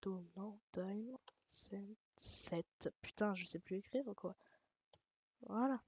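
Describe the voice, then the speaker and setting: Over loud background noise, a female gaming channel host with a light Alsatian French accent walks through a game in a loose, rambling tutorial, cursing and joking at her own expense. Her mid-range voice is slow and a bit breathy.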